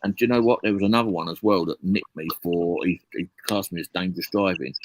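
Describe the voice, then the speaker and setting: A man's voice: low voice, fast talker, dry recording, rough recording. A man telling a rambling, swear-filled story on a casual live stream. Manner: heavy swearing, blunt rambling anecdote.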